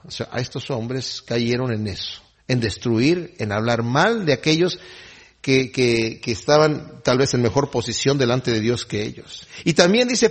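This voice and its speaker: A man preaching in a casual teaching style, retelling scripture conversationally and quoting the people in it. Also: mid-range voice. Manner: conversational, retells scenes with quoted voices.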